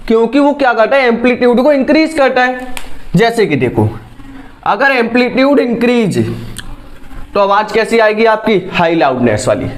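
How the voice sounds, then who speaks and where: A man, lecturing students in a lively classroom style. He keeps asking questions and answers each one himself. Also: very high voice. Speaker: teacher.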